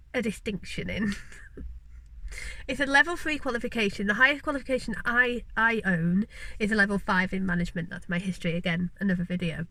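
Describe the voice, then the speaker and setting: A woman's voice: mid-range voice, bright, forceful tone, poor audio. A mature woman with a Yorkshire accent from West Yorkshire, chatting earnestly to camera about her studies, with plenty of ums and tangents. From West Yorkshire, England. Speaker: vlogger, mature law student. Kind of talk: casual talking-to-camera vlog.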